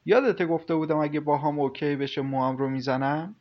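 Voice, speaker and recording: A man's voice: fairly high pitch, fairly even intonation, lightly acted. Man doing a cocky bragging young guy. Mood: boastful. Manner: boastful, quick. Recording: slightly muffled, soft music behind.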